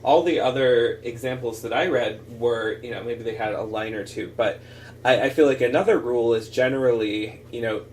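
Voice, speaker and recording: A man's voice: medium pitch, moderate pace, darkish tone, distant mic, a little hiss or hum. A man co-hosting a podcast, talking casually about books with restarts and fillers. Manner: reads a passage aloud expressively, then chats with many fillers and restarts. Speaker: podcast co-host. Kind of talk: casual book discussion.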